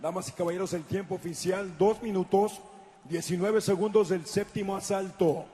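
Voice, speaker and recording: A man's voice: high voice, fairly even intonation, quick pace, warm tone. A man working as a boxing ring announcer, formal and showy in a lucha libre announcing manner, stretching out names. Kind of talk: formal, drawn-out bilingual fight announcing. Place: boxing ring in a large arena. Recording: long arena PA reverb.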